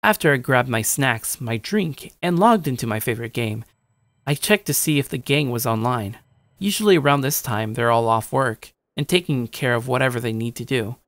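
A young man with a mid-range, animated voice speaks at a moderate pace with a fairly bright tone, and there's no room sound. As narrator and lead, he plays a shy yet slightly cocky gamer casually musing through his day, anime audio-drama style, in an upbeat, reflective mood. His dry studio voice sits over background music.

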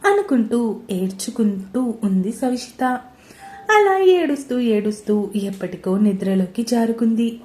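A woman narrating a romance story in a steady, plain reading style, in a roomy-sounding recording. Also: a little high, a little slow. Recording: roomy echo.

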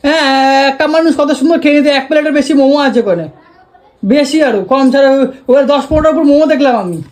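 Woman, high pitched, scolding, exasperated, nagging questions, older sister in a casual home squabble. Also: fast talker, a little mellow. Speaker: older sister in a family vlog.

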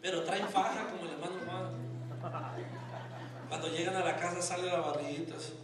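Male pastor, storytelling sermon, swings from hush to shout, high voice, distant mic. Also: fairly even intonation, brisk, a crowd in the background. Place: church sanctuary. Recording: echoey church hall, distant mic, music.

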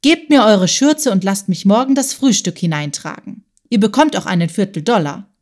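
A woman voicing a clever, eager boy detective in a children's audiobook, talking in a quick, scheming way. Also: medium pitch, animated, darkish tone, natural voice.

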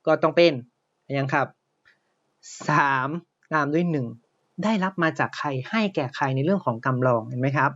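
A man's voice: medium pitch, moderate pace, fairly bright tone, highs cut off. A Thai man with a slight Isan accent teaching a Japanese lesson online, explaining step by step and often checking that listeners follow. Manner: explains step by step, often says "นะครับ" and asks "ใช่ไหม".

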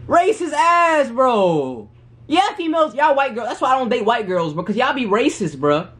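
A man's voice: extremely high pitch, sing-song, normal speed, fairly bright tone. A young man in his twenties, chatting with strangers on a video app in brash, teasing, slangy banter. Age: 20s. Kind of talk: casual video chat. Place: small room indoors.

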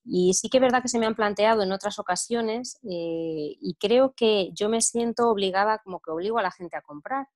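A participant on a video call, a woman from Madrid with a Spain Spanish accent, shares her thoughts in a hesitant, reflective way. Her mid-range voice moves at a moderate pace with few pauses, and her sentences trail off softly.

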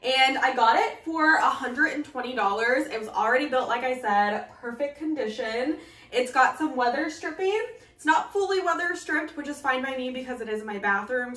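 A young adult woman, a vlogger hosting her own channel, chats casually to a camera a few feet away in a small tiled bathroom indoors. Her voice sits a little high and sounds pushed and bright. The distant mic picks up plenty of bathroom echo.

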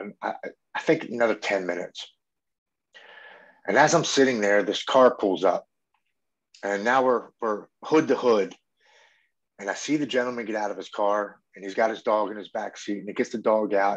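A man in his forties speaks with a slightly low voice, earnest and reflective. He tells a personal story as a podcast guest, in a heartfelt way. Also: lo-fi sound.

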